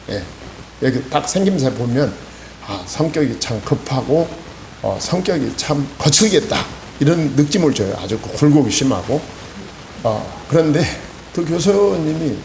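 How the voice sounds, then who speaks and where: A man's voice: a little high, darkish tone. A man in his sixties with a Chungcheong accent, preaching an evening sermon in a folksy storytelling way, with frequent affirming interjections. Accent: Chungcheong Korean. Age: 60s. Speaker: pastor. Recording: echoey church hall with faint hiss.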